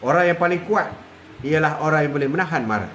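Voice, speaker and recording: An older man preaches. His voice sits high, and he repeats key phrases, drops a steady "ha" between lines, and chuckles now and then. A faint ambient hiss sits underneath. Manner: repetitive, drawn-out, punctuated with "ha" and chuckles. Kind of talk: live religious talk.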